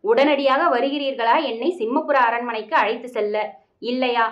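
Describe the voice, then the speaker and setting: A woman's voice: fairly high pitch, moderate pace, dull audio, close to an everyday voice. A woman voicing a scheming, menacing man in a story reading, talking sternly and threateningly. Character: scheming menacing male kidnapper, grown man.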